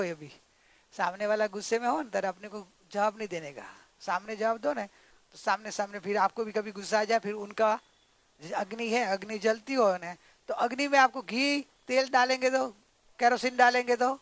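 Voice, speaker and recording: Very high-voiced male spiritual teacher. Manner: animated storytelling, asks listeners questions. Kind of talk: devotional sermon.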